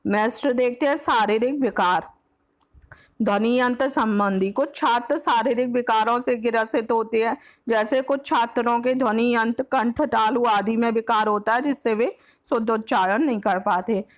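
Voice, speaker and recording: Higher-pitched woman teaching exam prep. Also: moderate pace. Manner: reads a point, then re-explains it in plain words; mixes English words into the explanation.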